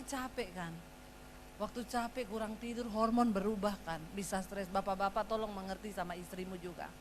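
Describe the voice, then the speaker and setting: Animated woman preaching a lively sermon. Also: on the high side, noisy background. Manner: animated, acts out quarrels with her husband, shifting loud and soft. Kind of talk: sermon with storytelling.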